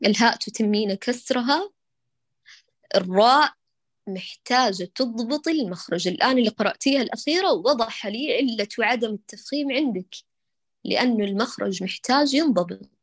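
A woman teaching Quran recitation to a student, patiently correcting her and stretching out sounds slowly to show how they should be said. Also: on the high side, expressive, dry recording. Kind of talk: one-on-one recitation coaching.

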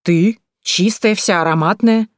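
A woman's voice: mid-range voice, measured pace, no echo, close to an everyday voice. A woman reading aloud while voicing a serious young woman who speaks in a dry, sarcastic drawl. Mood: sardonic.

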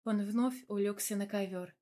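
A woman narrating a first-person romance novel in a smooth, even storytelling voice. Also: mid-range voice, normal speed. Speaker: audiobook narrator.

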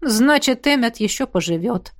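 Audiobook: blunt, commanding young woman, read by a female narrator, brisk delivery. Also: fairly high pitch, expressive, close to an everyday voice. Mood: bossy. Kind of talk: audiobook reading.

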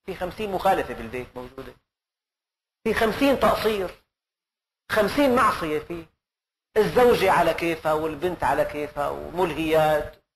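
A man's voice: on the high side, a bit bright, a little hiss or hum. An older man preaching in an earnest style, full of rhetorical questions and emphatic rises. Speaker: preacher giving Quran commentary. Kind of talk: sermon.

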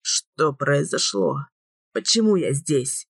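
A woman's voice: deep voice, big pitch swings, takes it slowly, breathy edge, no echo, clean studio sound, full character voice. Woman reader doing a subdued young man. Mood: gentle. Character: young man, recovering from a coma, guarded.

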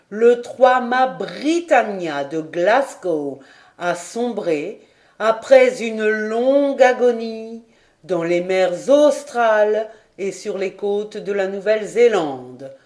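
Picture an excitable, learned male geographer from an old adventure novel, pressing his theory with eager emphasis, as a woman reading the audiobook puts him on. The voice is mellow and unhurried, pitched a little raised when he gets carried away.

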